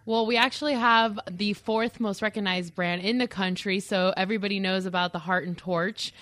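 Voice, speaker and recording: A woman's voice: mid-range voice, fairly even intonation, normal speed, fairly bright tone, dry recording. A woman from Florida, a radio interview guest, explaining in an earnest way with some fillers. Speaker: guest from a nonprofit.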